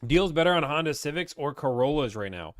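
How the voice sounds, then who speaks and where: A man's voice: fairly high pitch, animated, a little fast, no echo. A young man from Pittsburgh, chatting casually as he reads and answers viewer questions about car buying on a live stream.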